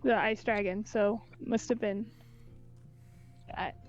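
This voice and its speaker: A woman's voice: mid-range voice, steady tone, takes it slowly. A woman talking casually as a player in a tabletop role-playing game. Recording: slightly dull audio over music. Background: music.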